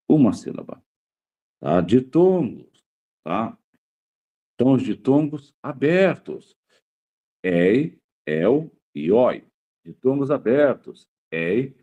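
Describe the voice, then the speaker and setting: Man teaching with lively pitch, dull lo-fi sound. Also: slow, pauses often. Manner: repeats key words, checks in with the class after nearly every point. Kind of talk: grammar lesson to a class.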